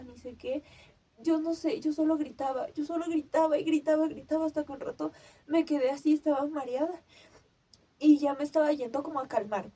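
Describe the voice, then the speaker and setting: A young woman, hosting a podcast and telling a personal story in casual chat, acting out her own cries and shouts as she goes. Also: high-pitched. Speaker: podcast host.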